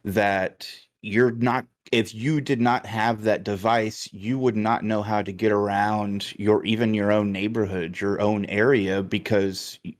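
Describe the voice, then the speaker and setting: A man, a game developer, chatting casually on a live stream in a measured way, thinking aloud with many fillers. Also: fairly low pitch.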